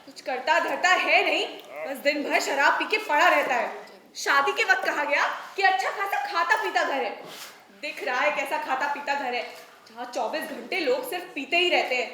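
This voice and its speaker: A woman's voice: sits high, normal speed, bright, forceful tone. A woman playing an indignant young daughter-in-law who stands up to her in-laws. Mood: defiant. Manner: indignant, pleading. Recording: echoey room, faint music.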